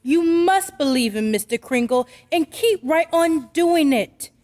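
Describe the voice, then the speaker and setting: A woman playing a gentle, sincere mother in an old-time radio drama, speaking earnestly and with measured care. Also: sits high, expressive. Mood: earnest, reassuring.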